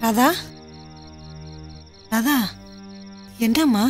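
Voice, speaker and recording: A caring older sister who speaks softly. Her voice sits fairly high, with light music behind her. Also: drawn-out words.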